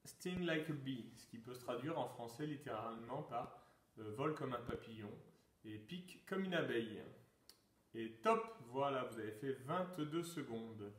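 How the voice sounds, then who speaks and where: A man running a quiz and exercise session as a teacher, reading out answer choices and calling out the start of each exercise. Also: medium pitch. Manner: announcing questions, calling out "top!" to start exercises. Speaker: sports teacher. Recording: echoey room, mic far off.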